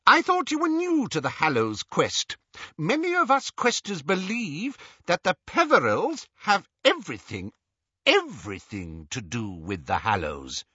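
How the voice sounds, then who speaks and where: A man's voice: on the high side, huge pitch swings, a little slow, bright, forceful tone, slightly rough, dry recording, pitched above the performer's own voice, heavily acted. A man doing a lofty, pedantic old wizard. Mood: pondering. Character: eccentric older wizard, pedantic and excitable. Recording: dull, dry audiobook recording.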